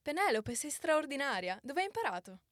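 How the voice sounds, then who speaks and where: A woman's voice: high voice, very animated, fairly quick, a bit bright, no room sound, studio quality. A woman voicing Claudia, an earnest adult shelter worker, in an audiobook story.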